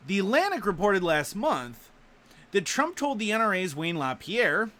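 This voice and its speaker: A man hosting a show, giving sarcastic, animated political commentary while reading the news aloud. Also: high-pitched, normal speed. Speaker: show host.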